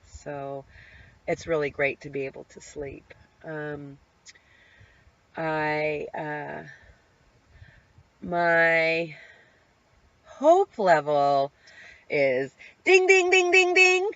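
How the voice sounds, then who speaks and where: A woman's voice: low voice, drawn-out words, pauses often, a bit bright, dry recording. A middle-aged woman speaks in a personal video diary, open and heartfelt. She rambles a little, with plenty of ums and restarted sentences. The audio is slightly dull and lo-fi. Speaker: vlogger sharing her recovery.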